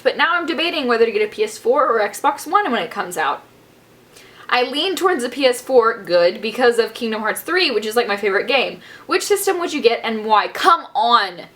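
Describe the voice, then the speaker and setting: A woman's voice: fairly high pitch, fairly bright tone. Bubbly chatty young woman vlogger. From Southern US. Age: young adult. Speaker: beauty vlogger. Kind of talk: casual Q&A vlog.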